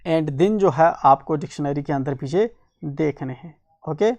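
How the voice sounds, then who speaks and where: Man, teacher, classroom lesson, Hindi explanation, letter-by-letter spelling, repeated filler, slow English reading, quick explaining. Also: on the high side, darkish tone. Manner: reads English lines slowly, then explains fast.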